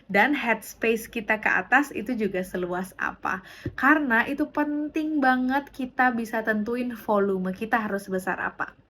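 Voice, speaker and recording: Lively young woman teaching public speaking. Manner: lively teaching voice that demonstrates pitch and intonation; mixes in English terms. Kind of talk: online class lesson.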